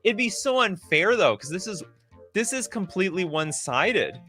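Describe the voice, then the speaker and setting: Male streamer, animated pitch, bright tense voice, excitable, sarcastic, faint music behind. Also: moderate pace. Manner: excitable, reacts loudly to chat. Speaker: streamer rating game cards. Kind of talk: live stream commentary.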